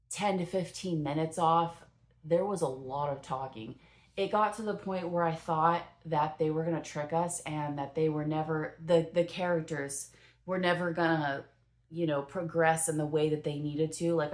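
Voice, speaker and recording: A young adult woman giving her casual first impressions of a film in a chatty, rambling way, full of fillers and self-corrections. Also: deep voice. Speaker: movie reviewer.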